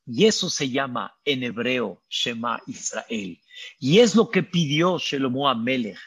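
A man, a rabbi giving a sermon and questioning his listeners in an animated way. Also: medium pitch, a little slow, slightly rough. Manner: animated preaching with repeated rhetorical questions to the audience.

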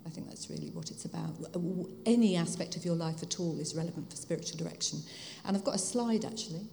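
Older english lady w home counties accent, lowish mellow voice, chatting reflectively in a big echoey hall. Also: quick pace, vocal fry, slight background noise. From Hertfordshire, England. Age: 50s or older. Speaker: guest speaker, spiritual director. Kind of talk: conversational interview talk to a church audience. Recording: reverberant hall.

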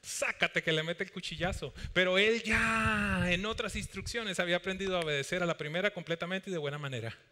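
A man preaching a sermon, animated, acting out Bible dialogue and little everyday skits. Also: sits high, fairly quick, hardly any pauses. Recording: long reverb of a church hall.

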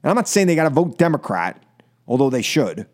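On talk radio, an American man rattles off a fervent political monologue at a fairly quick clip, emphatic and exasperated, repeating phrases for force. His voice is medium-pitched, very animated and a little mellow, recorded in a radio studio.

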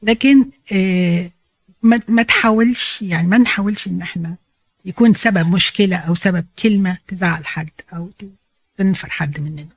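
A woman's voice: on the low side, moderate pace, no echo. A woman with an Egyptian Arabic accent gives a conversational Bible teaching, explaining in a chatty way and slipping in English phrases.

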